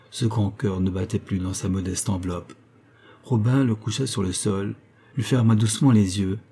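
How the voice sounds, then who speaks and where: A man reads a classic novel aloud as audiobook narration. His voice is low, dark and husky. His delivery is measured and literary. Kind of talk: scripted narration.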